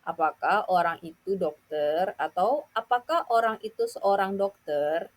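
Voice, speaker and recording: Slow, careful woman teaching Japanese. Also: medium pitch, animated. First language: Indonesian. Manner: slow, careful explanation with example sentences read aloud. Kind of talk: scripted grammar lesson narration.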